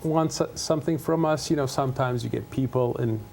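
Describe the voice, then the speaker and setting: A man's voice: medium pitch, fairly quick, vocal fry, darkish tone, slight background noise. A middle-aged man from Turkey, Turkish native speaker, talking earnestly in a TV studio interview as a conservation scientist, with many fillers and restarts. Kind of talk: casual interview talk.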